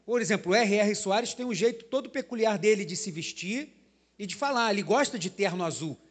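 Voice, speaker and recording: A pastor preaching to his congregation. His voice sits notably high for a man, and he talks in an easy, chatty way, checking in with the room through little tag questions. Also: a little fast, husky. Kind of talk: sermon. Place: church hall.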